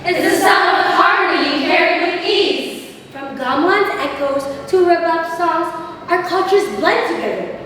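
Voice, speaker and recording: Young women in their teens with recite dramatic rhymed verse in unison as a choral speaking team, in a theatrical, emphatic manner. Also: female voice, extremely high pitch, expressive, a little slow, fairly bright tone. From Indonesia. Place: large echoey hall, recorded from far off. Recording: echoey hall, distant mic, background noise.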